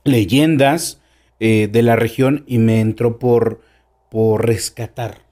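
Mexican man, podcast guest, storyteller, expressive tone shifts, stressed words, mid-pitched voice. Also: takes it slowly. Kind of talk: casual podcast conversation.

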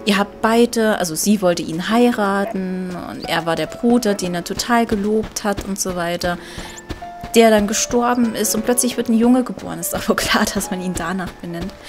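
A woman's voice: mid-range voice, normal speed. A woman giving casual game commentary as a let's player, chatty and thinking aloud. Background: game music.

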